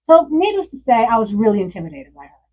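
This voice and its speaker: A woman's voice: on the high side, sing-song, fast talker, low-quality recording. A woman in her sixties, an author reading from her memoir and telling stories at a bookstore event, with frequent laughs. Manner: warm storytelling with frequent laughs.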